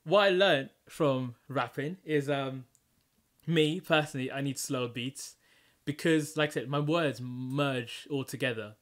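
A man hosting a casual podcast chat, calmly talking through his own rap songs and what he learned, often restarting his sentences. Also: measured pace. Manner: low-key, reflective explaining with frequent restarts.

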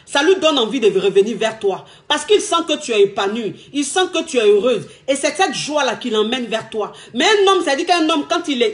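A woman, giving emphatic, casual relationship advice as a coach. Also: high voice. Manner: lively, emphatic, repetitive, laughing often.

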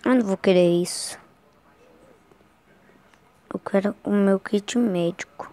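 A woman's voice: medium pitch, takes it slowly, mellow. Scared Brazilian woman playing a horror game. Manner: scared, anxious, repeating short phrases. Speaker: gaming streamer. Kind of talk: casual horror game play commentary.

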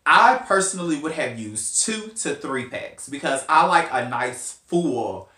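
A man's voice: fairly high pitch, lively intonation, unhurried, sharp tone. Chatty male hair vlogger, roomy sound. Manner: chatty, rambling, playful asides. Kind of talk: casual hair tutorial chat. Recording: roomy with faint hum.

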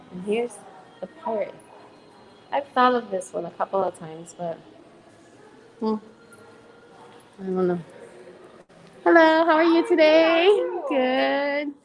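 A woman in her fifties walks through a shop while streaming live on her phone. She talks at an easy, unhurried pace, gushing over what she sees, laughing a lot and greeting viewers by name. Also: fairly low pitch, rough recording. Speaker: vlogger hosting a live stream. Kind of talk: chatty live shopping stream. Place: indoor retail shop.

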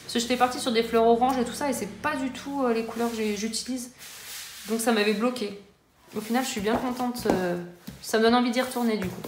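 Showing off her collection of coloring books, a woman in her thirties chats casually, using lots of fillers and restarting often. She speaks a little high, in a steady tone and at a fairly quick pace, in an echoey room with faint background noise.

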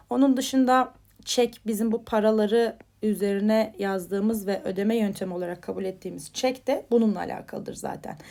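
A woman whose voice sits on the high side gives Turkish learners a casual English vocabulary lesson. Headwords come out with a lift, explanations more quietly, and "tamam mı?" punctuates her chatty checks.

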